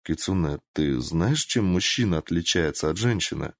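Man reading hot-tempered young princess, stern, exasperated, low-pitched, audiobook. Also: lively intonation, normal speed, dry recording, clean studio sound. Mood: stern questioning. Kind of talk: audiobook character voice.

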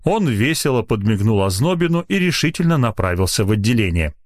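Expressive male audiobook narrator. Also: fairly low pitch, a little fast. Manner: expressive reading that moves between voices.

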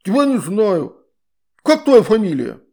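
A man voicing a grumpy, fat old male river spirit with a bubbling, shrill voice, scolding children in a storybook reading. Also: big pitch swings, measured pace, dark tone, exaggerated voice. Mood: indignant scolding. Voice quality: gurgling, shrill and indignant. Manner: scolding, threatening to tell parents.

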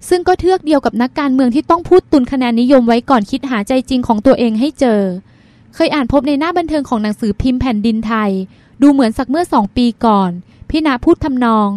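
A woman voicing a sharp young radio host. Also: high-pitched, no echo. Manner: polite, pointed, quick-witted.

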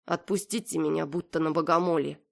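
A woman's voice: low-pitched, a little fast, gravelly. A woman doing Manichka, a cold stubborn girl. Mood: flat. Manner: monotone, indifferent. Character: stubborn indifferent young girl, cold and flat.

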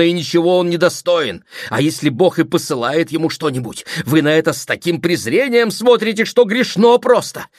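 A man's voice: fairly high pitch, dry recording, studio quality, pitched above the performer's own voice. A man voicing an aggrieved middle-aged sister who pleads and reproaches her brother, in an audiobook reading.

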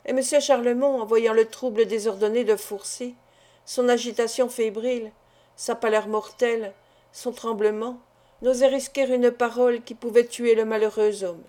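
A woman reading a classic novel aloud as narrator, in a measured, clear way, voicing the dialogue without separate character voices. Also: fairly high pitch, fairly even intonation, mellow. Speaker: audiobook reader.

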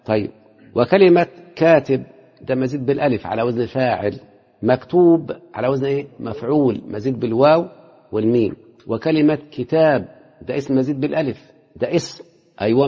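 A man's voice: medium pitch, breathy edge. A man with an Egyptian accent teaching Arabic morphology, quizzing his students with rhetorical questions as he goes. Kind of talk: classroom lesson. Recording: dull lo-fi recording in a reverberant hall.

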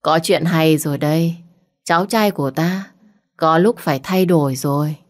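A woman voicing a stern, lecturing old grandmother in a storybook, in a lowish voice. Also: normal speed, close to an everyday voice. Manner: authoritative, lecturing. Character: stern old grandmother, matriarch of a rich house.

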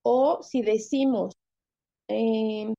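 Mexican woman guest, neurolinguist, slow and measured, dark gravelly voice, dull lo-fi dry radio sound. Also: on the high side, steady tone, dry recording. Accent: Mexican Spanish. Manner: slow, measured, with frequent fillers. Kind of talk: explanatory radio talk.

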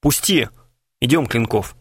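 A man's voice: medium pitch, measured pace, husky, no room sound. A man voicing a cool, mocking young prankster who talks in a dry, matter-of-fact way.

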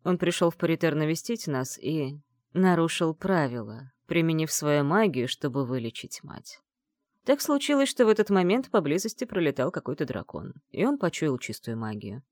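A loving old grandfather tells a painful family story with quiet sorrow, voiced by a woman reading an audiobook. The delivery is low yet swings widely in pitch. The sound is close and dry, with no room around it. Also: very animated, normal speed, dry recording. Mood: sad, tender.

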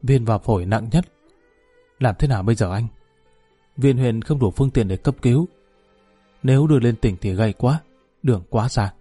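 A man's voice: mid-range voice, normal speed, pauses often, mellow, husky, no room sound, faint music behind, natural voice. A man voicing a worried country doctor. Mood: grave.

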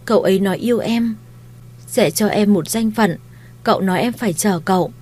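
A woman's voice: mid-range voice, a little fast, a little mellow, lightly acted. A woman voicing a frightened young female house maid, timid and stammering as she pleads. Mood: timid pleading.

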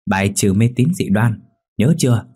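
A man voicing a quick-tempered older village man who scolds and shouts. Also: low voice, slightly rough. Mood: angry scolding.

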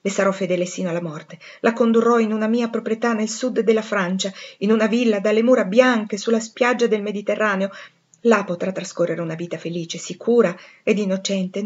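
A woman voicing a proud, passionate gentleman in an audiobook reading, intense and pleading. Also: medium pitch, dull audio, close to an everyday voice.

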